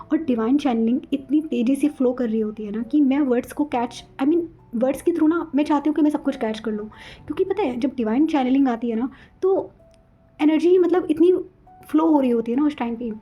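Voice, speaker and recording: A young woman talks quickly and casually to her viewers, her fairly high voice soft and husky with a mellow, dark tone. She mixes English words into her talk and keeps saying "okay" as she goes. Faint music plays underneath. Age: young adult. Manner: rapid, flowing Hindi-English mix, frequent "okay" and "theek hai". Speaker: spiritual channel host.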